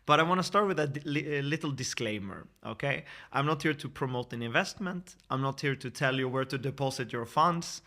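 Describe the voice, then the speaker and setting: A man in his thirties from Sweden talks through a screen-share sales pitch, earnest and persuasive. His voice is bright and forward, mid-pitched for a man, and he often restarts words and fills gaps with "uh". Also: expressive, fairly quick, few pauses. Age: 30s. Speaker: network marketing presenter.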